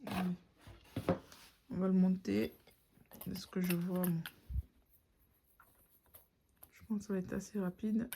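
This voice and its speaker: A woman's voice: medium pitch, level tone, measured pace, vocal fry, long pauses, noisy background. A woman doing a casual product review, thinking aloud and often restarting her sentences. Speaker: tech reviewer.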